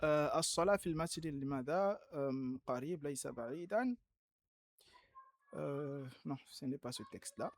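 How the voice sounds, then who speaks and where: A man's voice: on the high side, lively intonation, a little slow, dry recording. Patient man correcting homework aloud. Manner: patient, repeats key points emphatically. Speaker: Arabic teacher. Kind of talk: online class, correcting homework.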